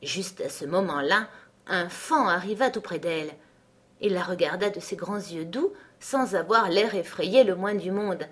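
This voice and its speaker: A woman reading a storybook aloud as narrator, calm, measured and expressive. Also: lowish voice, husky. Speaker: audiobook narrator.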